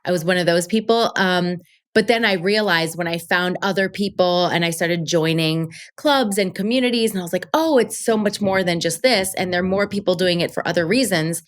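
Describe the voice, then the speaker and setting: Chatty woman telling her story, slightly low voice. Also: a little fast. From Colombia. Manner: chatty, upbeat storyteller with fillers. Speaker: podcast guest, travel show creator. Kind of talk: casual interview chat.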